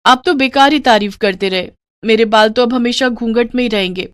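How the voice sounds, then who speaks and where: A woman voicing a gentle young bride in a cartoon story, speaking softly, with a hurt and pleading tone. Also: a little high, a little fast, no room sound, voice pushed up, natural voice. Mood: complaining.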